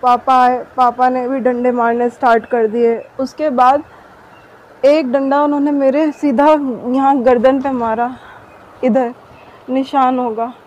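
A woman's voice: high voice, little pitch movement, unhurried, darkish tone. A young woman giving an earnest, detailed account in a news interview. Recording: dull muffled audio with faint noise.

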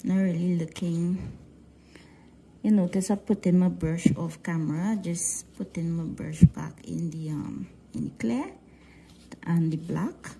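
This casual nail art tutorial voice-over comes from a Guyanese woman whose accent blends Guyanese and Trinidadian features. She sounds relaxed but halting, uses many fillers and frequently falls to a near whisper. Her voice is on the low side and creaky, against a noisy background.

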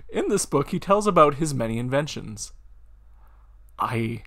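Amused male YouTuber, unhurried read with laughs, desk mic. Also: mid-range voice, sing-song, a bit bright. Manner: amused, breaks into laughter while reading. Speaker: YouTuber reading computer-written stories aloud. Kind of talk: casual reading with commentary.

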